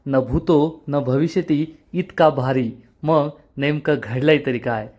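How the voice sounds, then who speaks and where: A man's voice: fairly high pitch, takes it slowly, a little mellow. A man hosting a TV serial review, narrating the episode recap with dramatic build-ups.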